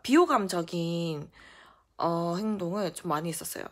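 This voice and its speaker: A young woman recounts a childhood tale to the camera in relaxed storytime fashion. Her pitch swings freely from low murmurs to bright peaks, and she pads her sentences with casual fillers. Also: normal speed. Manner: animated, lots of fillers. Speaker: vlogger.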